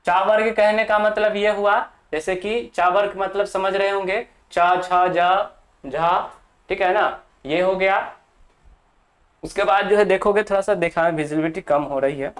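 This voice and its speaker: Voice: medium pitch, steady tone. A teacher giving a grammar lesson for exam students, dictating for notes, repeating key terms and often checking in with the class. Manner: slow, deliberate, dictating for notes.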